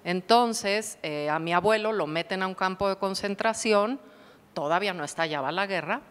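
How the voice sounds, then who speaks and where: Speaking at an academic conference, this psychotherapist from Mexico explains her ideas with care and asks the audience rhetorical questions. She has a medium-pitched, fairly bright voice that is clear and resonant, at normal speed, with long reverb from the hall.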